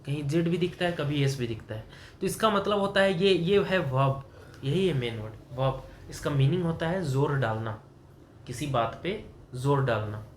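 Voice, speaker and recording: A man's voice: fairly high pitch, expressive, moderate pace, slight background noise. A man teaching English grammar to a student, explaining in Hindi with English terms and asking questions that he often answers himself. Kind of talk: classroom grammar lesson.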